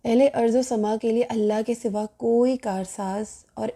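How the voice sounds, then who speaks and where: A woman's voice: on the high side, steady tone, dark tone. A woman Quran teacher giving a religious lecture in an earnest, admonishing way, repeating phrases for emphasis and mixing in English words. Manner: mixes English words into her talk.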